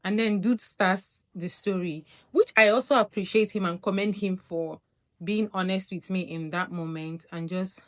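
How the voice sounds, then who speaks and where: A young woman vlogger from Nigeria telling a casual storytime monologue, acting out quoted lines with big jumps in her voice. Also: normal speed. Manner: animated, acts out quotes with big pitch jumps.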